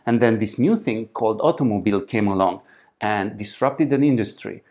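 Man, halting restarts. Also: lowish voice, darkish tone. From Romania. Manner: halting, frequent restarts and fillers, gestures while talking. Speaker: startup founder guest. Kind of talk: conversational interview answers. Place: small indoor room at a conference.

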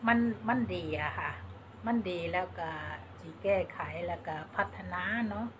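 A woman from Buriram with an Isan Thai accent, chatting slowly and haltingly to her vlog viewers and mixing in Isan particles. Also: fairly low pitch, background noise. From Isan, Buriram province, Thailand. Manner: slow and halting, with many fillers and Isan particles. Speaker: vlogger. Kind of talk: casual chat to camera. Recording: dull lo-fi sound with faint ambience.

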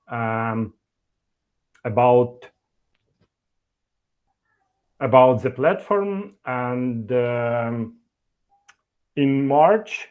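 A man presents over a video call, speaking slowly and deliberately at a middle pitch. He pauses often, filling the gaps with hesitations and restarting phrases. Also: muffled recording. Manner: halting, many fillers and restarts. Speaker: conference speaker from an e-learning developer. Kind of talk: online meetup presentation.

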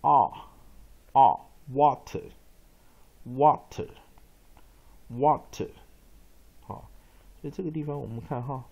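A man teaching English pronunciation, repeating example words slowly and emphatically and dropping short filler particles between phrases. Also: medium pitch, gravelly, warm tone, slightly rough. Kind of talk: pronunciation lesson.

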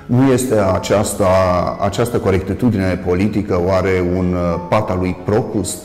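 A man, a priest and professor, giving a measured TV commentary, pausing often with "uh" and stressing contrasting word endings. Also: low-pitched, fairly even intonation, darkish tone, echoey room, long reverb tail, soft background music. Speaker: priest and professor hosting a TV talk. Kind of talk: solo lecture-style commentary.

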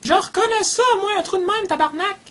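A woman's voice: very high voice, brisk, fairly bright tone, a little hiss or hum. A woman voicing a bratty, foul-mouthed little cartoon boy with a Quebec French accent in a comic dub. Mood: excited. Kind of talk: crude comic fan dub of a children's cartoon.

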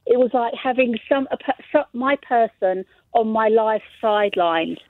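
A woman's voice: a little high, normal speed, a little hiss or hum. A woman in her fifties calling in to a radio show, her voice wobbly and warbling, talking hesitantly with many ums and restarts. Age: 50s. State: wobbly, warbling voice that goes wonky at times. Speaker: radio phone-in caller. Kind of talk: casual phone-in call. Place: on a phone call to a radio studio. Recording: tinny phone line.

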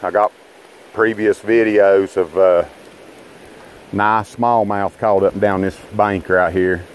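This man speaks slowly in a lowish, steady voice, fishing from a rocky riverbank and rambling folksily to his viewers as guys and boys. The vlogger records on a body-worn action camera, and the poor audio has a little hiss or hum.

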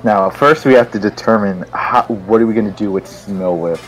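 A guest player on a game stream chats and jokes casually, playfully riffing on absurd ideas. He has a lowish voice at a normal speed, and the recording quality is low.

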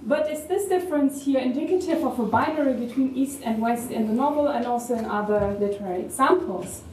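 A woman with a German accent giving measured, thoughtful academic remarks as a panel discussant, with a touch of wry humor. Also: on the high side, dark tone, slight background noise. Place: university event hall. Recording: echoey room, distant mic, faint ambience.

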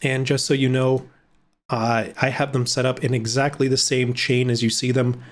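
A man's voice: mid-range voice, flat delivery, moderate pace. A man in his thirties giving a casual screen-recorded video editing tutorial from a home room. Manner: explanatory, casual, with fillers. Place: home room with blackout curtains.

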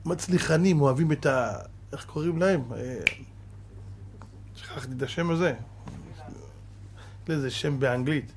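A man who is a rabbi, giving a sermon in an emphatic preaching manner, asking rhetorical questions and sometimes bursting out loud. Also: fairly high pitch, pauses often, noisy background.

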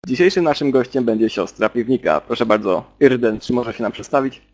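A man's voice: medium pitch, a little mellow. Male host, rattles through stiff formal show intros and questions at speed. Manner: fast, formal host phrasing. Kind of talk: amateur spoof interview show.

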